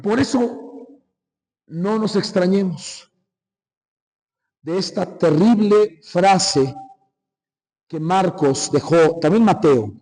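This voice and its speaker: A man's voice: high-pitched, very slow, long pauses, darkish tone. A man from Mexico, a priest giving a conversational Lenten sermon with dramatic retelling and frequent questions to the congregation. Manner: conversational, asks the congregation "¿sí?" often; dramatic retelling with shifting volume. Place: church. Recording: long church reverb. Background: hall reverb.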